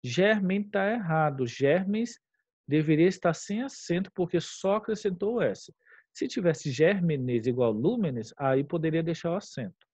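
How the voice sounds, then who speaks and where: Explaining a grammar exercise step by step, a Brazilian Portuguese-accented male teacher keeps checking on his class with "tá?" and "tudo bem?". He speaks at a measured pace in an animated, slightly high voice that is a little mellow and slightly rough. The lo-fi recording sounds dull, with no echo.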